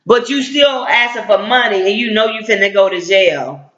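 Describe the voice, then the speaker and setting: A man's voice: high voice, normal speed, a bit bright. A middle-aged man, a civil rights activist, delivering a blunt, confrontational, slangy online rant. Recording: echoey, dull lo-fi sound.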